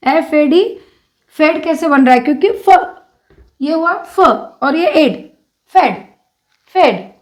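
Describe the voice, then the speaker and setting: Slow, high-voiced Indian woman teaching phonics. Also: expressive, darkish tone. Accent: Indian English. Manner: slow, drawn-out letter-by-letter spelling; patient, coaxing, addresses children as beta. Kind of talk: phonics lesson for children.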